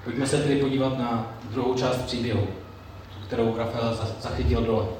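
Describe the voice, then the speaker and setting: Male preacher, measured sermon delivery, distant mic in a booming hall with a little ambience. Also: little pitch movement, darkish tone, slight background noise. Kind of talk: sermon with Bible reading. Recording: very echoey room, mic far off, faint ambience.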